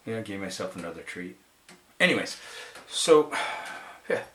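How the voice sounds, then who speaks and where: A man giving a casual painting demonstration, thinking aloud in relaxed, halting self-talk at his work table. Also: low voice, reverberant, slight background noise.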